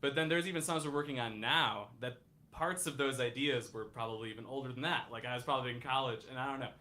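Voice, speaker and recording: A man in his thirties, a musician guest talking casually, often halting and restarting. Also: medium pitch, sharp tone. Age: 30s. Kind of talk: casual chat.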